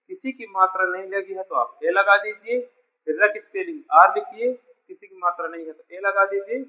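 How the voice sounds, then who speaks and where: A man's voice: high-pitched, bright, forceful tone, highs cut off. A man teaching a beginner English lesson, patiently repeating each point and calling his students dear children. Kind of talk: classroom lesson explaining spelling.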